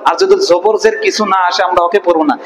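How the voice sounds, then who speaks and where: Male Quran teacher, high-pitched, patient drilling style, slow chanted recitation, reverberant room. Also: fairly even intonation, a crowd in the background. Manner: asks questions and answers them himself, spells syllables slowly. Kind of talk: online Quran reading lesson.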